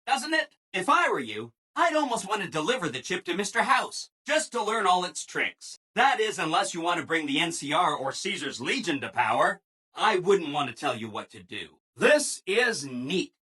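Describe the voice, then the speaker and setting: A man's voice: sits high, big pitch swings, normal speed, sharp tone, slightly rough, heavily acted. A man voicing a relentlessly cheerful, eager-to-please robot assistant in a video game, chipper and exaggeratedly polite. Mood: chirpy helpfulness. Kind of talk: video game character acting.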